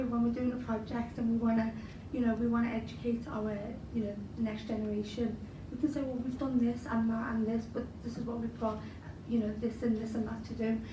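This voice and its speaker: This interviewee is a young spoken word poet from Liverpool whose first language was Arabic, and she speaks with a Scouse accent and a voice on the high side. She chats freely with lots of fillers and you-knows, recorded from a distance in a large event hall that is roomy and noisy.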